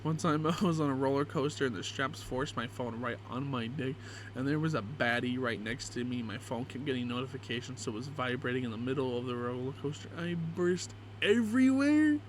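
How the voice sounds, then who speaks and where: A man's voice: mid-range voice, fairly even intonation, a little fast, slight background noise, low-quality recording. A young man reading aloud casually and gleefully, with crude, amused reactions, as a YouTube creator would. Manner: crude, joking, swearing.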